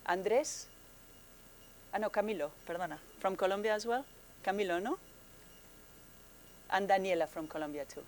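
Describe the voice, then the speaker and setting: There's slight background noise as a woman program manager gives a friendly conference presentation in a conference room. Her voice is mid-range, and she halts often, filling gaps and restarting sentences.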